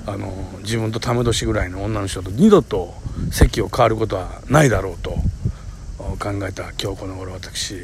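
A man's voice: fairly low pitch, background noise. A man in his forties with a Kansai accent, hosting a solo talk show, telling a story with vivid sound words and self-mocking humor. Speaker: podcast host.

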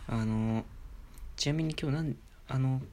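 A young man hosting his own talk show, speaking quietly at home into a phone mic in a relaxed, chatty way. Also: measured pace. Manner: hushed, low-volume talk with soft laughs and filler. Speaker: podcast host. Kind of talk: casual solo talk. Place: inside his home, alone. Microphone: phone microphone.

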